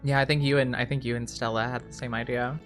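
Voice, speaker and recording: A woman's voice: a bass voice, fairly even intonation, fast talker, soft background music. A woman chatting casually and playfully while co-streaming a game. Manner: playful, jokey. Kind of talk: casual gaming stream chat. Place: voice call on a live stream.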